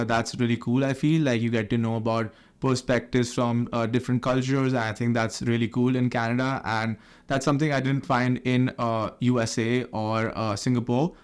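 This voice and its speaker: A man's voice: medium pitch, smooth. A young man, a graduate student, talking casually in a documentary interview. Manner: casual, relaxed, filler words.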